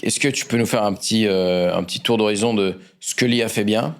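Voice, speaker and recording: A French man hosting a podcast interview, asking questions in a searching, unhurried way between short acknowledgements. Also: on the low side. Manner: attentive, brief acknowledgements, slow searching questions. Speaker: podcast host.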